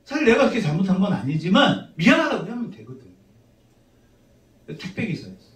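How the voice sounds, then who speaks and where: A middle-aged man preaching a sermon as pastor, conversational and animated, teasing his congregation. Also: high voice, a little fast. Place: church sanctuary. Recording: roomy church sound from a distant mic.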